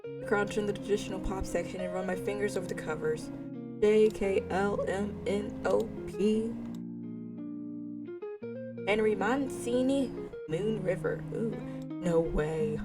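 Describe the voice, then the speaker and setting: A gaming video creator reads a visual novel aloud in a let's play, narrating expressively and adding casual side remarks. Her voice is mid-range and her pace moderate, with music playing underneath.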